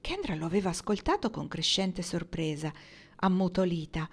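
A woman's voice: lowish voice, big pitch swings, moderate pace. Woman reading a novel aloud. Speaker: audiobook reader.

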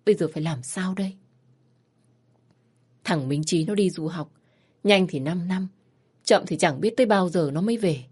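Grave, low-voiced storyteller woman. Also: normal speed, long pauses, darkish tone, slightly rough. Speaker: narrator. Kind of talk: scripted audio story narration.

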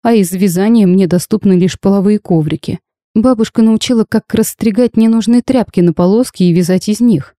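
A woman voices a bold, sharp-tongued young half-fairy bride from a storybook tale, playing her lively, teasing and spirited. Her medium-pitched delivery is fairly quick and close to an everyday voice, captured in clean studio sound with no echo.

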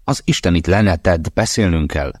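A man's voice: low voice, a little mellow, breathy edge, dry recording, clean studio sound. A man reading an audiobook, voicing a curt, hungover young man who mumbles and swears. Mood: surly.

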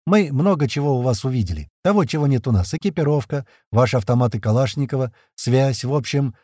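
A man reading the part of a calm, composed colonel from another world, speaking in a measured, persuasive way. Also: medium pitch, no echo, studio quality, lightly acted. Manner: measured, persuasive, level-headed.

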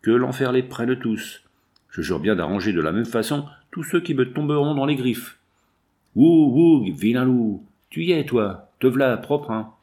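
Male narrator doing a grizzled old trapper in an audiobook, gruff, vengeful, coarse backwoods talk. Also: mid-range voice, normal speed, close to an everyday voice.

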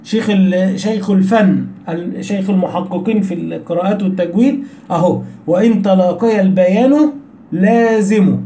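A man's voice: high-pitched, warm tone, a little hiss or hum. A man with an Egyptian accent teaching Quran recitation rules, asking his listeners questions and answering them himself. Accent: Egyptian Arabic. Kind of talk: explanatory lesson. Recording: echoey room.

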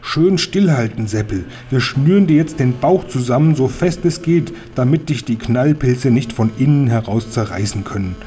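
A man voicing a cheeky, calm young hero. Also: medium pitch, moderate pace, hardly any pauses, close to an everyday voice. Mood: coaxing. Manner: calm, coaxing, dry. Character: clever, cheeky young male puppet hero.

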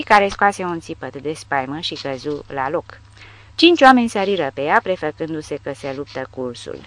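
A woman reading an audiobook with lively storytelling. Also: fairly low pitch. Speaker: audiobook narrator. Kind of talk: audiobook narration.

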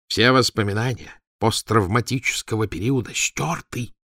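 A man's voice: fairly low pitch, normal speed, pushed and bright, no echo, studio quality. A man voicing a smug, self-satisfied male chief doctor who talks proudly. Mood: hushed. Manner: proud, gloating.

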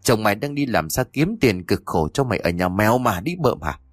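A man's voice: fairly low pitch, big pitch swings, fairly quick, no room sound, clean studio sound. A man voicing a jealous, abusive husband who scolds his wife with harsh insults in a storybook horror tale. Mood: enraged.

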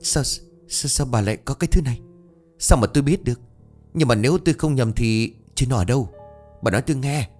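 A man's voice: mid-range voice, expressive, brisk, a little mellow, soft background music, pitched above the performer's own voice, lightly acted. A man voicing a frightened village husband who stammers and stumbles over his words in a ghost story. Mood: anxious.

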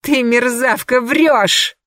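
A woman voicing a hysterical, jealous woman swinging a hoe, her lines frantic and shrill, in an audiobook. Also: slow pace, fairly bright tone, no room sound, clean studio sound. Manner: frantic, shrill, hurled outbursts.

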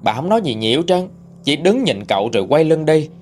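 A man with a Southern Vietnamese accent narrating a ghost story in a dramatic, animated way. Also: a little high, fast, faint music behind.

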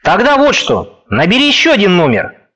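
An anxious elderly professor frets and fusses over every word, voiced by a male reader. His drawn-out questions come in a fairly high voice that swings widely in pitch. He sounds nervous throughout. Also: wildly swooping pitch, pushed and bright, slightly rough, full character voice. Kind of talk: audiobook character reading.

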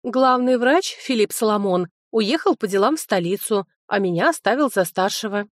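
A woman's voice: mid-range voice, lively intonation, normal speed, no echo, clean studio sound, natural voice. A woman reading an audiobook, voicing a sly, self-serving young man, a former fiancé. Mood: defensive.

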